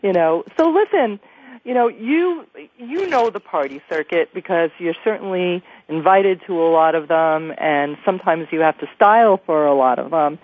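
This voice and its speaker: A woman's voice: lowish voice, expressive, moderate pace. Nasal American woman on a phone line. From New York, USA. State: congested with a cold. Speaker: radio show host. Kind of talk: chatty radio interview. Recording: thin phone-line radio sound.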